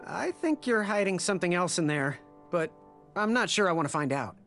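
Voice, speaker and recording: Wry young hero knight, lively pitch, easygoing. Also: male voice, fairly quick, soft background music. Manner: wry, good-natured, a little hesitant. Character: young male knight hopeful, good-natured and wry. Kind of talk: video game voice acting.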